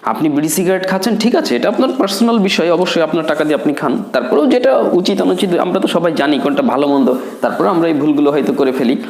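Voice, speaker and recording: Guy in his 30s teaching english, talky, asks lots of questions, slightly high voice, roomy echo. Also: expressive, quick pace, a little mellow. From Bangladesh. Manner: explaining, chatty asides and rhetorical questions. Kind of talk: spoken English lesson.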